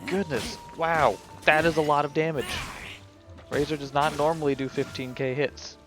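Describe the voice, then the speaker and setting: A video game livestreamer gives offhand commentary while playing, chatting to viewers and talking to himself. His voice is fairly high and steady at a normal speed, with game music playing behind him.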